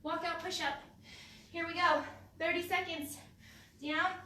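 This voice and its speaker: High, bright-voiced sniffly woman fitness coach. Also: steady tone, a little slow, far from the mic, a little hiss or hum. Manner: upbeat, cueing moves and counting reps. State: sniffly, runny nose. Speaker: fitness instructor. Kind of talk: live workout coaching. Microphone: camera mic from a distance. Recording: echoey room, voice away from the mic.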